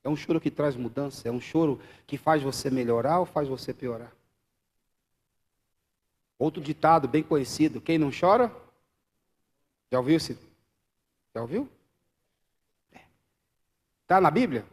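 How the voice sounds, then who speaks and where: A man with a Brazilian Portuguese accent preaching a live church sermon, swinging from loud exclamations to quiet asides and bantering with the congregation. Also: fairly high pitch, animated, unhurried, long pauses. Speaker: pastor.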